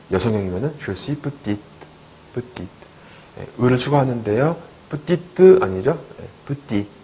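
A man's voice: lowish voice, darkish tone, slight background noise, poor audio. A man teaching French in a video lecture, patiently repeating each word for learners.

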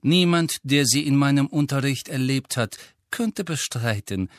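Male reader doing a silky, mocking villain-teacher, low and unhurried, audiobook. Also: expressive, no echo, clean studio sound, natural voice. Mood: cold. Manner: soft, slow, silky and mocking. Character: sneering cold male potions teacher. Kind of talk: audiobook character voice.

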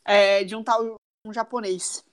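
A woman with a Brazilian Portuguese accent hosting a casual football podcast, chatting in an animated, slangy, teasing way. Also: medium pitch, unhurried. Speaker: podcast host.

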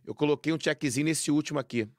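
A man's voice: fairly high pitch, fast, no echo, studio quality. A man with a Brazilian Portuguese accent co-hosting a casual live discussion, reading items aloud with hesitant fillers. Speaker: co-host.

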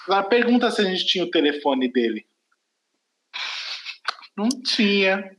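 A man's voice: high-pitched, very animated, moderate pace, a bit bright, echoey room, rough recording. A Brazilian man hosting a podcast, telling a travel story in casual chat, rambling and correcting himself. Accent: Brazilian Portuguese. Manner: rambling, self-correcting, laughs at own story. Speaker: podcast host.

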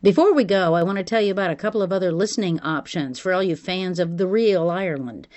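A woman's voice: on the low side, fast, a little mellow. A woman podcast host telling her own story in a scripted but conversational narration. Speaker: podcast host, former television reporter. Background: music bed.

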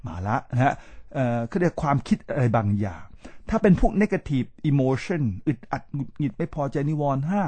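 An older man hosts a spoken commentary on a book, animated and exclaiming, frequently addressing his listeners directly. His voice sits a little high, and the recording is dry.

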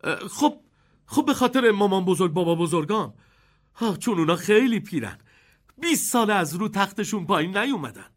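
A man's voice: sits high, sing-song. A man doing an eager poor little boy. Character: poor young boy, eager and wide-eyed.

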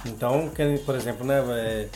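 A man's voice: medium pitch, normal speed, darkish tone. A man with a Brazilian Portuguese accent, an English teacher who talks as a guest in a casual interview and explains patiently, often adding tag questions.

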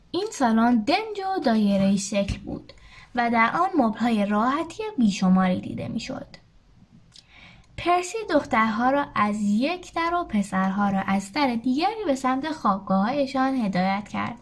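A woman reading a storybook aloud, steadily narrating and lifting her voice for quoted lines. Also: a little high. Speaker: audiobook narrator.

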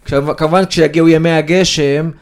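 A man's voice: a little high, flat delivery. A man, a sports journalist co-hosting a casual podcast, talking in a digressive way with many fillers. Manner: conversational, digressive, with frequent fillers.

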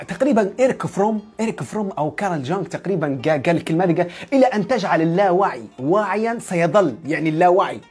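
A man talks at a breakneck clip during a motivational livestream, animated and conversational as he repeats his points. Faint music sits behind his voice. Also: high voice. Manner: rapid, animated, repetitive and conversational. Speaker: psychologist.

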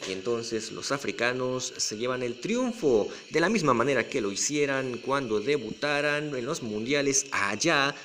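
Raspy-voiced male football commentator. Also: mid-range voice, a bit bright, a little hiss or hum. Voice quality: hoarse, raspy voice. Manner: colloquial, addresses fans as pals. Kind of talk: football match recap commentary.

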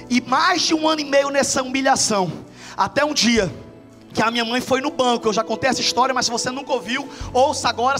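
Brief: an animated male preacher from Brazil, storytelling in a long-reverb church hall. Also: very high voice. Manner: lively storytelling with shouted climaxes. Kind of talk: sermon.

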